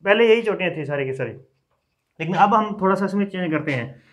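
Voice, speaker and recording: A man teaching a geography class in a casual lecture style. He dictates lists and repeats each name slowly for his students. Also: high-pitched, animated, a bit bright. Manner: talks informally to students while teaching. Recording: dull lo-fi classroom recording.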